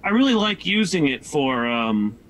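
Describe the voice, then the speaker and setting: A man's voice: a little high, big pitch swings, normal speed, a little hiss or hum, low-quality recording. A man co-hosting a casual livestream, talking thoughtfully and hesitantly with plenty of fillers. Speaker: co-host.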